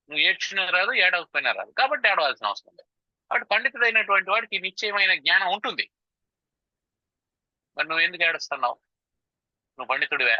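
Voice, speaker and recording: A man giving a spiritual lecture on scripture, explaining with rhetorical questions and chanting verses slowly. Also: high-pitched, bright, forceful tone, no echo, highs cut off. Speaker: spiritual teacher.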